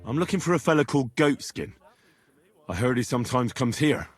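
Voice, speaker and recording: An actor playing a rough, cheeky young medieval adventurer who speaks coarsely in a video game. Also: male voice, mid-range voice, expressive, fairly quick, soft background music. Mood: probing. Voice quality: colloquial, coarse speech. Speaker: game protagonist.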